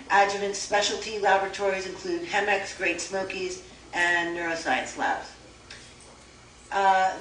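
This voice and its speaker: A woman's voice: fairly low pitch, fairly bright tone. Woman lecturing in an echoey room. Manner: lists items steadily, some stumbles and self-corrections. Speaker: naturopathic doctor giving a talk. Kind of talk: lecture to an audience. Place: store event room. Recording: echoey room, voice far from mic, faint hiss.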